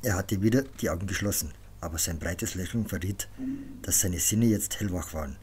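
A man calmly reading a novel aloud as an audiobook narrator. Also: low voice, moderate pace, slight background noise. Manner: calm, even storytelling. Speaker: audiobook reader.

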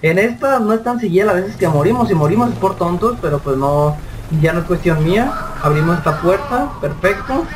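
A young Mexican man with a Mexican accent, joking through a zombie game commentary and panicking in quick "no, no, no" bursts. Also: high-pitched, animated, noisy background. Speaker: gameplay commentator. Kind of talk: let's play commentary. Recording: distant mic with loud game music. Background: game music.

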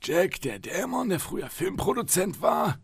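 A smug police psychologist in his forties talks down calmly and slowly in a storybook reading, as a male reader plays him. His voice sits higher than the reader's own and has a lively pitch. The room is dry. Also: breathy edge, dry recording. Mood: patronizing. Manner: condescending, calm and slow. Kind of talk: audiobook reading.

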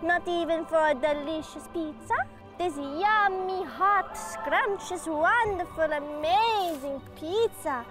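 A woman's voice: extremely high pitch, slow. A young woman playing a cheerful, teasing character on a kids' show, talking in a bubbly, sing-song way. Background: music.

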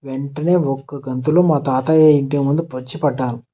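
A man narrating a children's moral story in a gentle storybook manner. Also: mid-range voice, steady tone, moderate pace, highs cut off. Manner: gentle storybook telling, voicing characters' lines in turn.

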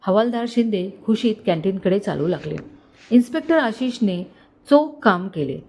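A woman's voice: medium pitch, animated, moderate pace, vocal fry, dark tone, slight background noise. A woman reading a dramatic story. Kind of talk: scripted storybook narration.

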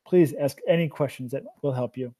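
A man voicing a tired old man who is a burdened mentor, speaking slowly and earnestly. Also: medium pitch, mellow, lightly acted. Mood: weary.

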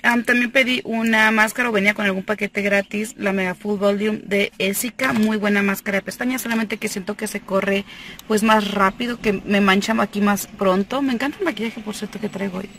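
In a parked car, a young Mexican vlogger and cosmetics seller films herself on a phone at arm's length, unboxing products in lively, laugh-filled casual chat. She talks fairly quickly in a steady, mid-range voice with a fairly bright tone, and a little hiss or hum is audible.

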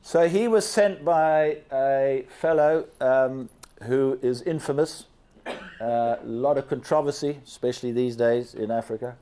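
An older man from Zambia holds a handheld microphone as he walks a seated audience through slides in a large banquet hall as guest speaker. Speaking a little slowly in a middle pitch, he stays animated and keeps asking his listeners questions.

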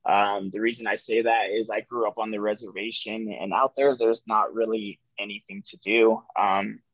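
On a podcast, a soft-spoken young man from New Mexico, USA, candidly shares his recovery story as a guest, reflective and full of "like" and "um" fillers. His fairly low voice barely moves in pitch and runs at normal speed. The lo-fi, dry video call webcam audio has no room sound, though he sits in an office room with ceiling lights.

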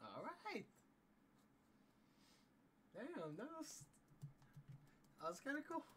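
High bright young man gaming. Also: slow pace, slight background noise. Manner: relaxed, rambling, trails off quietly. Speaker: gaming channel host. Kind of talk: casual gameplay commentary.

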